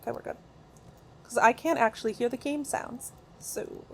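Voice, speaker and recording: Excitable woman rambling over gameplay. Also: fairly high pitch, moderate pace, gravelly, a little hiss or hum. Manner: excitable, rambling with many fillers and restarts. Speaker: gaming video creator. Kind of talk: casual gameplay commentary. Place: her own recording room at home.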